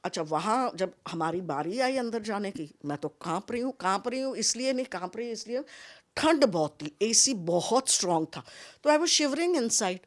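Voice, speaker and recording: A woman's voice: medium pitch, normal speed. An older woman, mother of a contestant, chatting in an interview and acting out the dialogue of her stories. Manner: chatty, expressive storyteller who acts out quoted dialogue. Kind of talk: casual interview chat mixing Hindi and English.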